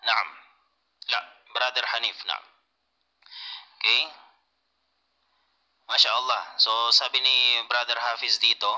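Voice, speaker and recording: Male teacher, very bright tone, patient and repetitive delivery. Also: mid-range voice, poor audio. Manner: patient, repeats key points, answers students. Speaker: Arabic teacher. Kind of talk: online class lecture.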